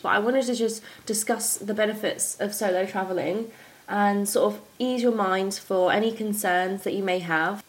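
A woman's voice: fairly low pitch, poor audio. A young woman presenting a podcast like an upbeat morning show host, chatty and informal as she explains things. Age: young adult.

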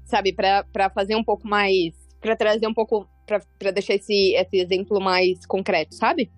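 A woman co-hosting a podcast, lively and laughing, asking a guest for concrete examples. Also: medium pitch, no echo. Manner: lively, laughs often, guides the talk. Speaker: podcast co-host. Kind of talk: casual podcast chat.

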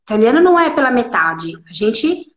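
A woman's voice: a little high, big pitch swings, a little fast, fairly bright tone, lo-fi sound. A woman in her forties, a clinical nutritionist, telling her story in an interview and acting out the dialogue she quotes. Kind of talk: interview conversation.

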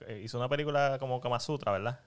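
A speaker, chatting in a lively way on a podcast and often jumping in. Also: mid-range voice, racing. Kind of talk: casual podcast chat.

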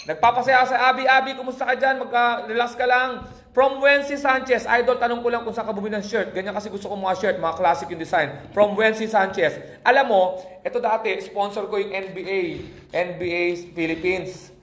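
A man hosting a casual livestream, reading out comments and answering callers, and laughing loudly at his own jokes. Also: high voice, fairly even intonation, a little fast, reverberant. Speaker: livestream host.

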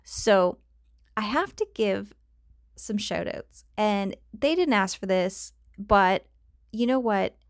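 Taking it slowly with lively intonation, a Canadian-accented podcast host talks in a mid-range voice, rambling on tangents and laughing often in her casual solo chat. She uses a cheap home microphone, yet there's no echo and the sound is clean, like a studio.

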